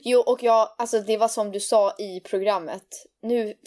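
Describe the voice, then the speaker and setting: Brief: young woman podcast co-host, animated and casual, slips into English phrases, mid-range voice. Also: medium pitch. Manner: animated, mixes in English phrases, lots of fillers. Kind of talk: casual chat.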